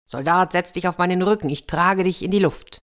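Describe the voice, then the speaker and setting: A woman voicing a male evil spirit who turns helpful, in a told fairy tale, speaking briskly. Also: on the low side, lightly acted.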